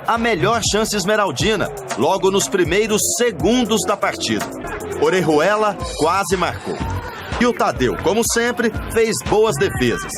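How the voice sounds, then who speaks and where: A Brazilian man reading scripted football highlights narration. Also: very animated, a little slow, over music.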